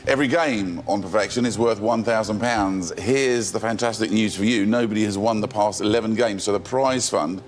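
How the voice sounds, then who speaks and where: A man hosting a TV quiz show in a studio, brisk and jokey with the contestants, chuckling between lines. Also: lowish voice, a little hiss or hum.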